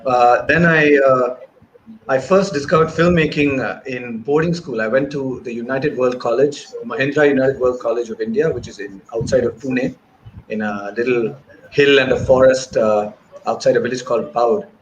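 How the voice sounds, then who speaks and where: Here the filmmaker, a man in his thirties who grew up between Bahrain and Malaysia, answers interview questions about his career in a relaxed way. His medium-pitched voice moves at a moderate pace, but the noisy video-call audio from his wired earphones in an indoor room comes across dull.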